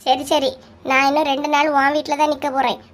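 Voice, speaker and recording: Woman doing squeaky, sharp-tongued cartoon village women. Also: level tone, brisk, slight background noise, close to an everyday voice. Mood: bickering. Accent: Kanyakumari Tamil. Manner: scolding, nagging banter. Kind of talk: cartoon comedy voice acting.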